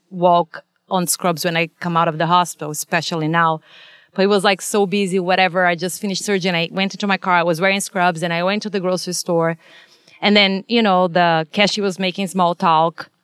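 A woman from Brazil hosting a podcast, telling her own stories in lively casual conversation. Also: fairly low pitch, clear, resonant tone, dry recording, studio quality. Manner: animated, laughing storytelling. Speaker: podcast host, veterinarian.

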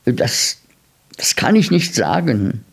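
A man voicing a frightened, stubborn nine-year-old boy in a storybook reading, hesitant and halting. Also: mid-range voice, big pitch swings, gravelly, breathy edge, full character voice. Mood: guarded.

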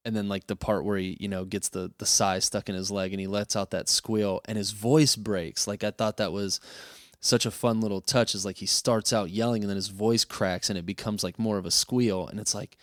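Low-voiced man hosting a chatty podcast. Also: no room sound, clean studio sound. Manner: animated, breaks into quick character impressions and laughs. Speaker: podcast host. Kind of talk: casual podcast chat.

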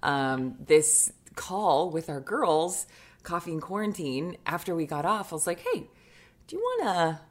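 A woman's voice: low voice, measured pace. A young woman co-hosting a casual podcast, chatty and full of fillers, with a groggy morning voice. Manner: chatty, laughing often, many fillers. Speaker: podcast co-host. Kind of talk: casual chat.

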